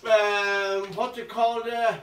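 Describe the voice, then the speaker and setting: A man's voice: sits high, level tone, slow, a bit bright. A man with an Irish accent playing a jolly old Father Christmas who sends hearty greetings and teases the host. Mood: chatty. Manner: hearty ho-ho greetings, chatty and teasing. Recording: echoey room, distant mic.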